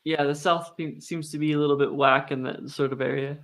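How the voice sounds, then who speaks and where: A man's voice: on the high side, steady tone, brisk, a bit bright. A man with an American accent chatting casually on a livestream in a rambling way, often saying "like" and "you know". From Utah, United States.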